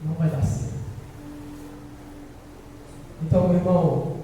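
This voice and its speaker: A man preaches a sermon in a high, dark-toned voice. He hammers his warnings with repetition, rising into loud pleas and sinking to low murmurs. The sound comes from far off the mic and rings around a long, reverberant church hall. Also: steady tone, measured pace. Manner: urgent exhortation, repeats phrases and keeps calling out "my brother"; swings between loud pleading bursts and quiet low warnings. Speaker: presbyter preaching. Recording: echoey church hall picked up from far off, faint noise.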